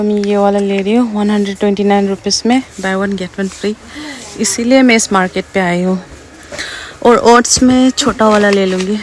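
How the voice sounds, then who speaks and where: A woman's voice: mid-range voice, a little hiss or hum. A young woman from Arunachal Pradesh vlogging casually, indignant and chatty, slipping English phrases into her talk. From Arunachal Pradesh, India. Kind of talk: casual vlog narration. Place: outdoors and in a supermarket. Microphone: handheld phone camera.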